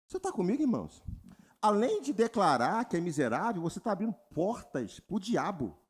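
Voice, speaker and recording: A man's voice: fairly quick, breathy edge. A Brazilian man preaching a sermon as pastor, calling on the congregation for responses and mimicking people's prayers. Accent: Brazilian Portuguese. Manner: animated preaching, mimics congregants in high voices, asks crowd for response. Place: church retreat service.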